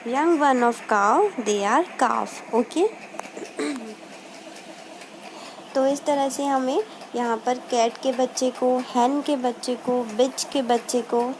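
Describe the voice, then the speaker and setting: A woman teacher with a high voice talks slowly and patiently through a lesson for children. She repeats words aloud for them to copy and mixes in English terms. Plain room noise hums steadily under her voice in this home recording. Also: steady tone. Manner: slow and explanatory, mixing Hindi with English terms.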